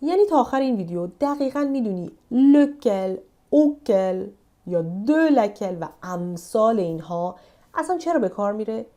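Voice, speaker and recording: A woman giving an online French grammar lesson, explaining in a lively way and slowing down to read example sentences aloud. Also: medium pitch. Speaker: French teacher.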